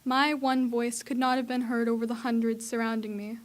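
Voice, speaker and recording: A woman's voice: a little high, little pitch movement, normal speed, close to an everyday voice. A young woman playing an onlooker in the crowd, telling it earnestly. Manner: earnest, shouting at times. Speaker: student actor.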